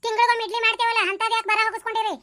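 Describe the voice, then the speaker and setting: A woman's voice: very high voice, level tone, racing, bright, forceful tone. A woman voicing a cheeky, sarcastic young village daughter-in-law in a cartoon comedy, with a North Karnataka Kannada accent. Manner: argumentative, sarcastic back-talk.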